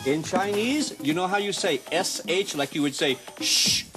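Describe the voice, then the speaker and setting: A man presenting a children's show in a playful, exaggerated, joking way, drawing out his words. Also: sits high. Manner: exaggerated, jokey, drawn-out words. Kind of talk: playful comedic teaching. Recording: music behind voice.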